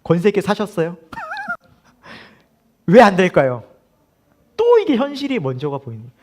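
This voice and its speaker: Animated high-voiced male pastor preaching. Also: unhurried. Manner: animated, laughs often, acts out quoted voices; asks the congregation questions. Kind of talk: sermon at a midweek prayer service.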